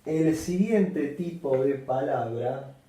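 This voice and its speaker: A man teaching a Spanish grammar lesson at a board, speaking slowly and deliberately and repeating each example word. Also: mid-range voice, lively intonation, warm tone, distant mic. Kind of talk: slow whiteboard grammar lesson. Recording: very echoey room, voice from off the mic.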